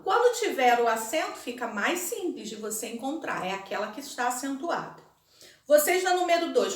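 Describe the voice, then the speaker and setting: High-voiced Brazilian woman teaching slowly. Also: fairly bright tone. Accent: Brazilian Portuguese. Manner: slow, careful word-by-word pronunciation. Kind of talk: recorded remote Portuguese lesson. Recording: echoey room.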